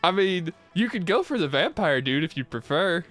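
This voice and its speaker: A man's voice: high-pitched, sing-song, normal speed, fairly bright tone, faint music behind. A man in casual gaming chat, laughing often and guiding the others' choices. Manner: laughing, chatty, hesitant fillers.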